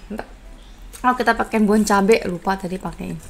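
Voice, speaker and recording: A woman's voice: mid-range voice, a little fast, gravelly. A woman with an Indonesian accent chatting casually to viewers as the host of an eating video. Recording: noisy, with clicks and clinking dishes.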